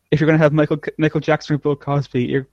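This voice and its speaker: A man's voice: fairly high pitch, flat delivery, fast talker, a little mellow, no room sound. A man hosting a casual podcast chat, rambling with stumbling restarts and frequent laughs. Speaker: podcast host. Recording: dull lo-fi dry recording.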